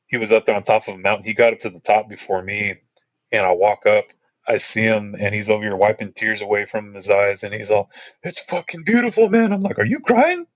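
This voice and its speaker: A man's voice: fairly low pitch, no echo, rough recording. Laid-back man rambling through trail stories. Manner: rambling, laid-back, many fillers like "you know" and "like". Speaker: podcast guest, long-distance hiker. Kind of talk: casual storytelling chat.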